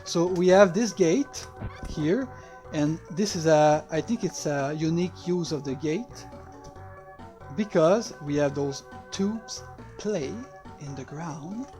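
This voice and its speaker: Faint music plays behind a French-accented man casually commenting on his own game as he plays. His voice is a little high and warm, and he pauses and hesitates often, since English isn't his native tongue.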